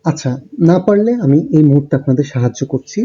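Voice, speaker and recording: A man teaching a beginner language lesson, explaining step by step with frequent ums and pauses. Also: a little high, animated, dark tone, slightly rough, lo-fi sound. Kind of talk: lesson narration over slides.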